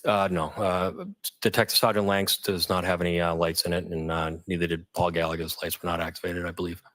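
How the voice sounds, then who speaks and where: A man's voice: deep voice, little pitch movement, brisk, fairly bright tone. A man, a police sergeant on the witness stand, giving terse, clipped answers under cross-examination. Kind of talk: courtroom testimony. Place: courtroom.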